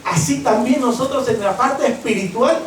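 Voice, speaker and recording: A Peruvian pastor preaching with passion, his voice sitting fairly high for a man. He is recorded from a distance in a church hall, so his words ring with a strong echo. A faint hum of the room stays underneath him. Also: moderate pace. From Peru. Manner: impassioned preaching, acting out quoted voices. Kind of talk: sermon. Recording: echoey church from far off.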